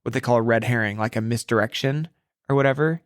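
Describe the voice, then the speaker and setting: A man co-hosts a church podcast in a relaxed Bible study chat. He thinks out loud, full of "like" and "um", at a middle pitch for a man. The sound is dry and close. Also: quick pace, dry recording. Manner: thinks aloud, many fillers. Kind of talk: casual Bible study discussion.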